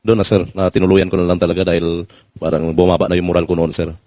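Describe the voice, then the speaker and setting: Low-voiced ex-soldier man, earnest and quick, dry close mic. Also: little pitch movement, dark tone, no echo. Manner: earnest, pleading, polite. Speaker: former soldier. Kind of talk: personal testimony in a panel.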